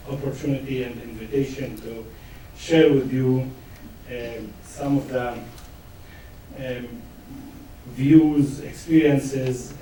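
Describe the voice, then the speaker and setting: A man with a Palestinian Arabic accent delivers a university lecture, his mellow, dark voice broken by frequent ums and restarts. He is recorded from a distance in a large, very echoey room, with a faint hiss underneath. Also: mid-range voice. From Israel. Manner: hesitant, many fillers and restarts. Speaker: guest lecturer. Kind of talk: academic lecture. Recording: echoey hall, mic far off.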